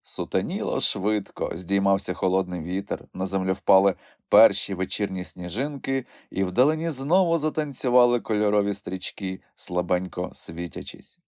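A man narrating a children's audiobook in an expressive storytelling manner. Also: low voice, normal speed, no echo, clean studio sound. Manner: expressive storytelling with lively swings. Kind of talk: scripted narration.

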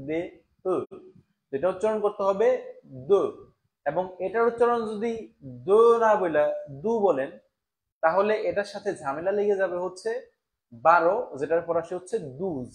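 A man with a fairly high voice leads a live online language lesson. He works through French numbers one sound at a time and repeats each word with care so learners can follow. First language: Bengali. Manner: slow, syllable-by-syllable pronunciation drills. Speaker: French teacher.

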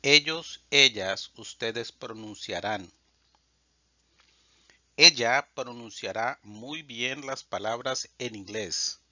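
A man teaching Spanish, reading verb conjugations aloud in a measured, drilled way. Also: medium pitch, sharp tone, dry recording. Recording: dull lo-fi dry sound.

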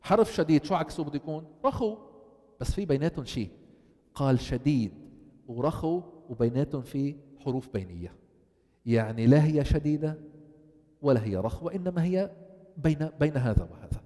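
Teacher, male, mellow and slightly high voice, long hall reverb, quizzes the class as he explains. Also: animated, a little fast, long pauses. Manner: explains, then asks the class questions and answers them. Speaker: tajweed teacher. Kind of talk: classroom lesson, switching between English and Arabic.

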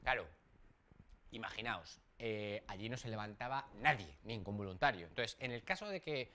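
A man with a Spain Spanish accent giving a humorous pep talk to exam students as their tutor, lively and casual, with jokey swearing. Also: on the low side, normal speed.

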